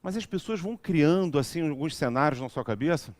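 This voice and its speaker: A man's voice: a little high, animated, brisk, darkish tone. A man giving a conversational spiritual talk at a spiritist center, telling everyday stories and often checking in with his listeners. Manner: chatty, storytelling, frequent asides asking the audience.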